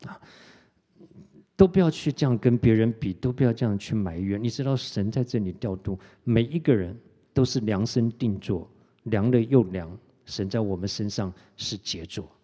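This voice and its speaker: A middle-aged man preaching a sermon in Mandarin, telling a personal testimony with animated storytelling and English words mixed in. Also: on the low side. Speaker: pastor. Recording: long hall reverb.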